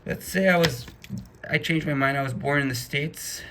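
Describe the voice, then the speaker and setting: A man's voice: a little high, moderate pace, background noise. A man giving a casual programming lesson, talking through code step by step in a chatty way. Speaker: programming instructor. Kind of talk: casual screen-recorded coding lesson.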